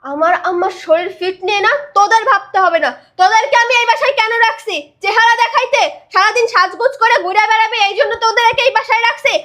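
A fiercely protective young wife, acted by a woman. She scolds fast and hard in a very high, bright, piercing voice. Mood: angry. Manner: scolding, forceful, insistent. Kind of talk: amateur drama acting.

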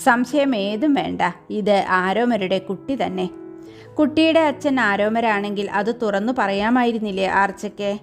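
A woman reading a novel chapter aloud in steady, measured storytelling. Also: medium pitch, faint music behind. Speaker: narrator. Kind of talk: scripted narration of a novel chapter.

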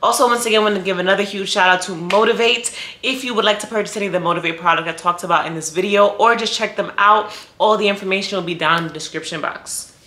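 On her food vlog, a young woman tastes a dish and chats casually with viewers, reacting as she eats. Her medium-pitched voice is fast, pushed, and bright, with a reverberant sound.

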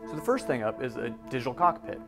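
A man in his forties reporting a news feature, explaining technology in a brisk, conversational way. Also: mid-range voice, sing-song, vocal fry, loud music behind the voice. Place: office room.

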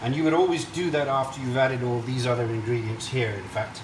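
An echoey kitchen recording, picked up at some distance from the mic, carries a man hosting a cooking show. He has a mid-pitched voice and chats through each step in an explanatory, rambling way. Sizzling and stirring sit behind him. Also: steady tone, brisk, noisy background. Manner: chatty, explanatory, digressive. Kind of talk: casual cooking demonstration to camera. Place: indoor kitchen at a stove. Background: frying sizzle and stirring.

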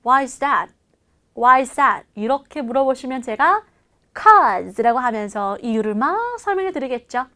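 A woman teaching a language lesson in a lively, coaxing way, repeating phrases for learners to follow. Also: high voice, slow. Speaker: English teacher. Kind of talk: video lesson.

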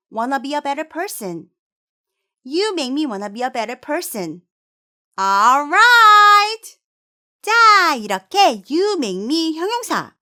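A woman presenting a language lesson with scripted narration, reading example sentences in bright, drawn-out phrases. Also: sits high.

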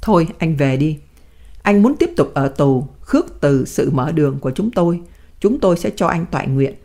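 A cold male interrogator who asks short, probing questions and gives curt dismissals, as a woman reads his lines. His lines sit slightly higher and sharper than the surrounding narration. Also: very animated, moderate pace, a little mellow, slightly rough.

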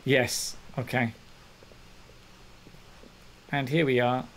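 A man chatting casually while streaming a game, halting with fillers. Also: medium pitch, little pitch movement, slight background noise. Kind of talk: casual chat over gameplay.

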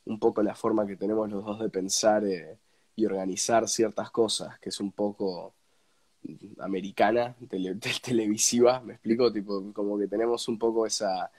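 Congested, low-voiced young Argentine man. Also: flat delivery, a little mellow, breathy edge. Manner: halting, repeats words as he searches for phrasing. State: congested, snotty from a cold. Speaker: interview guest, radio presenter. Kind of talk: casual interview chat. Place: indoors at home, on a video call.

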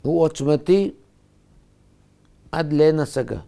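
A man, a rabbi, preaching a sermon in short, emphatic, measured phrases. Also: on the high side, creaky, dark tone.

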